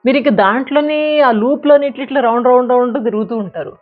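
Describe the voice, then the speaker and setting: A woman's voice: high-pitched, quick pace. Woman motivational speaker, storytelling delivery, dull lo-fi audio with faint music behind. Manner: storytelling, conversational, with sound words. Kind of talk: motivational talk with a fable.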